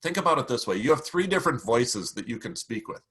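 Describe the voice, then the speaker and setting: A middle-aged man teaching how to tell stories and speak with confidence, in a measured, emphatic delivery. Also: medium pitch, very animated, sharp tone. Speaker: speaking coach. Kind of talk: instructional talk.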